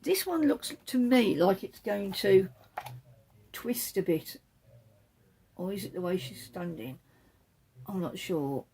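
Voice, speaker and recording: A woman's voice: mid-range voice, lively intonation, slow pace, pauses often, warm tone, a little hiss or hum. A woman hosting a knitting podcast, chatting casually as she shows patterns from a book, rambling and correcting herself as she goes.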